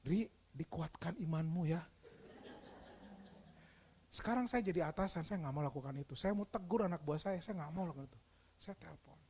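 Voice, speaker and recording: A middle-aged man preaching a sermon, telling stories and acting out dialogue, swinging between soft and loud emphasis. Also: a little high, expressive, fast, slight background noise. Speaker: pastor.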